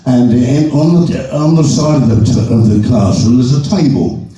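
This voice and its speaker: A man's voice: mid-range voice, moderate pace, mellow. A man telling jokes to a live audience, rambling with stumbling restarts and chuckling at his own punchlines, heard from far off in a large echoey hall. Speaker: joke teller.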